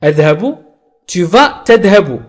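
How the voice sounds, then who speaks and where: A man teaching a French lesson, who says French phrases slowly, repeats them, and then explains them. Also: high voice, very animated, breathy edge. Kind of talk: language lesson.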